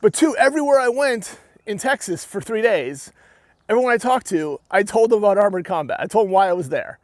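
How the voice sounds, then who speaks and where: An expressive young man whose voice sits high speaks fairly quickly in a casual rant to camera for his viewers. He's an armored combat fighter from New England with a New Hampshire accent, rambling earnestly through many restarts and "right?" tags. The studio sound is clean, with no echo.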